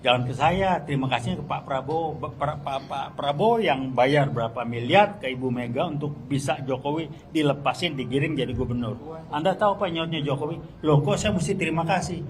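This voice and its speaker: An older man gives a fiery public speech, blunt, slangy and combative, with sharp bursts of emphasis. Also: medium pitch, fairly quick. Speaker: speaker at a public gathering. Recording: speech with crowd noise behind. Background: crowd noise.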